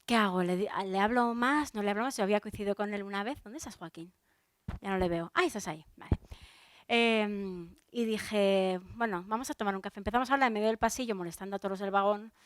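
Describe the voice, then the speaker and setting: A woman's voice: medium pitch, no room sound, studio quality. A woman from Spain with a Spanish accent, a soprano giving a chatty public talk and speaking straight to her audience, with many fillers and restarts.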